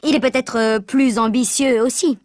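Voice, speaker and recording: A woman reading a scripted textbook dialogue with a clear, questioning delivery. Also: a little high, fairly even intonation, normal speed, dry recording, studio quality.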